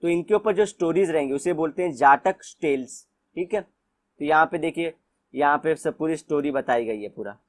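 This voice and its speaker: Young male teacher, Indian accent, somewhat high voice, explaining casually and reading textbook lines at a slow pace. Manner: explains in Hindi mixed with English, reads textbook lines slowly. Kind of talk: exam-prep lecture.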